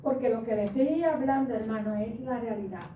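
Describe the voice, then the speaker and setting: A woman's voice: on the high side, a little fast, mellow, roomy sound, distant mic, slight background noise, poor audio. A woman from the Dominican Republic with a Dominican accent, giving an emotional church testimony and often breaking into laughter and tears. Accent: Dominican Spanish.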